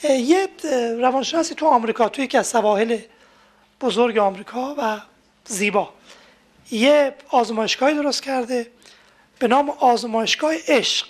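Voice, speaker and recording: High-pitched lady giving a family counseling lecture, explains stuff with everyday examples. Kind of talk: lecture on marriage and emotions.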